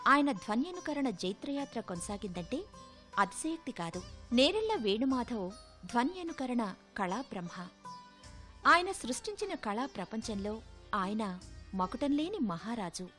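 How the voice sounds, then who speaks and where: A woman with a fairly high, expressive voice reads a formal tribute script. Her delivery is poetic and measured. Soft music plays beneath her. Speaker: narrator. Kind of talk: scripted documentary narration. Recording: narration with soft music underneath.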